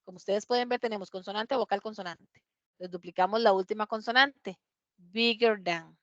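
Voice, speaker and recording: A woman's voice: mid-range voice, steady tone, fast talker, no echo. A woman teaching a classroom grammar lesson, patient and methodical, repeating the key points and checking that her students follow. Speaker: English teacher. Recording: dull lo-fi classroom recording.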